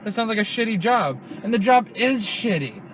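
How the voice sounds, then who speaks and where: A man's voice: high voice, lively intonation, normal speed, a bit bright, slight background noise, low-quality recording. A young man hosting a podcast in casual chat, rambling and cursing with many restarts. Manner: rambling, profane, restarts often. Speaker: podcast host.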